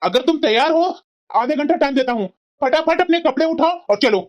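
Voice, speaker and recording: A woman gives voice to a firm, upright young husband in a cartoon family drama. He lectures steadily and reproachfully, pitched fairly high. The sound is dull and lo-fi. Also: expressive, brisk, a little mellow. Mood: stern.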